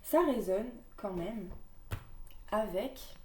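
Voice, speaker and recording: A woman reads oracle cards and their affirmations at an easy pace, breaking off into musing comments between them. Her voice is mellow and dark-toned. It sounds like she sits some distance from the mic in a roomy, echoing space. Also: medium pitch, lively intonation, slight background noise. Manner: gentle, unhurried, musing asides with fillers. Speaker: card reader. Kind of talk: reading oracle cards aloud with casual asides. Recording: echoey room, voice from a distance.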